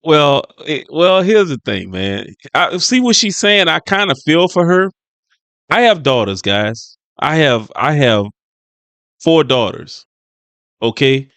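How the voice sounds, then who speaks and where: A middle-aged man comments casually on a clip. His voice sits a little high and sounds dry and close. He repeats himself and turns folksy and preachy about faith. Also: animated, slow, fairly bright tone, no room sound. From New Orleans, Louisiana. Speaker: commentator reacting to clips.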